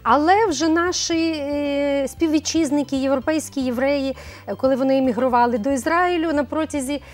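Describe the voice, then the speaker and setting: A woman's voice: sits high, normal speed. A middle-aged woman, a cosmetologist guest on a morning TV show, explaining things in a chatty way with frequent hesitations. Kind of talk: morning TV studio conversation.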